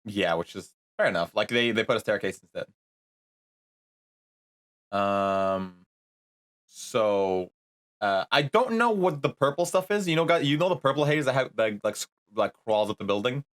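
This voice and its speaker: A man's voice: lowish voice, lively intonation, moderate pace, long pauses, fairly bright tone. A man hosting a podcast in casual chat, hesitant with many fillers as he moves the talk along. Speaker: podcast host.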